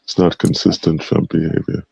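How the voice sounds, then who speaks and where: A man's voice: sits low, completely flat delivery, moderate pace, creaky, darkish tone, a little hiss or hum. A man co-hosting a podcast over a remote connection, chatting casually and often stammering and repeating words. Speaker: podcast co-host. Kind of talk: casual chat. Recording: dull lo-fi remote audio.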